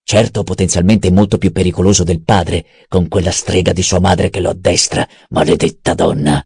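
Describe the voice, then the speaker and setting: A man voicing a cruel, mocking old baron in an audiobook, gruff and menacing. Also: deep voice, fairly even intonation, moderate pace, a little mellow, no room sound, studio quality, heavily acted. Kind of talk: audiobook character voice.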